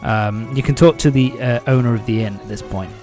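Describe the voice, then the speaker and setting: A man's voice: mid-range voice, a little fast, a little mellow, soft background music. Rambling, swearing gameplay commentator man. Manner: rambling, swearing, chuckling, many fillers. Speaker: let's play host.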